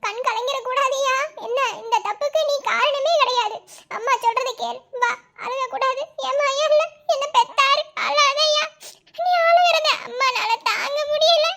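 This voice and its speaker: A performer voicing a sharp-tongued but loving middle-aged village mother in a cartoon, with a Madurai Tamil accent. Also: very high voice, steady tone, a little slow, background noise. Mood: tender, consoling. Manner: scolding, sharp-tongued, then tender. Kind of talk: cartoon voice acting.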